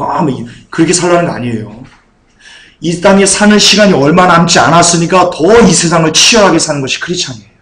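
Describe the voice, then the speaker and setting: A man's voice: medium pitch, echoey room, rough recording. A man preaching a sermon as pastor, with emphatic, repeated appeals to the congregation.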